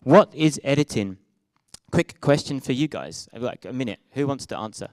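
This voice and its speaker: With slides projected in a meetup room, a young conference speaker from Britain and Israel, British in accent, gives a casual live talk into a handheld mic, full of fillers and restarts. His medium-pitched voice is a little mellow, with lively intonation at normal speed, captured dry.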